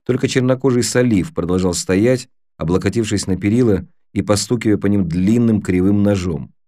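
A man reads an audiobook in a steady, measured way. His voice is lowish and mellow. The recording is close and dry, with no room sound. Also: no echo. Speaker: audiobook narrator. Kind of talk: audiobook narration.

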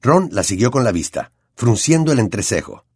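A man with a Latin American Spanish accent narrating an audiobook in an expressive storytelling way. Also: medium pitch, normal speed, breathy edge, no echo, studio quality.

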